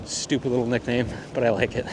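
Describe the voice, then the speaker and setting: A man's voice: medium pitch, level tone, quick pace. Laid-back, self-deprecating male photographer vlogging mid-walk; heavy wind hitting the mic outdoors. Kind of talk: casual walk-and-talk vlog. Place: outdoors on a cold, windy morning walk.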